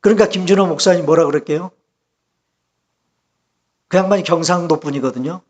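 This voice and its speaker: A man, the church's pastor, preaching a sermon and putting rhetorical questions to the congregation in a lively, rising delivery. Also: fairly high pitch, brisk.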